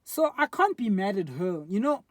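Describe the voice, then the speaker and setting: High-pitched and sing-song at normal speed, a bit bright, a South African man in his twenties rambles openly to his phone's front camera. It's a casual, reflective vlog monologue packed with fillers, recorded without echo.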